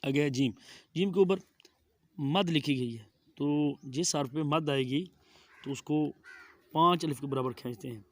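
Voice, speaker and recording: A middle-aged man with a Pakistani Urdu accent teaching Quranic letter pronunciation, saying each sound slowly and with care. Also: fairly high pitch, dry recording. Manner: drawn-out careful letter pronunciation, monotone delivery. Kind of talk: slow methodical recitation lesson.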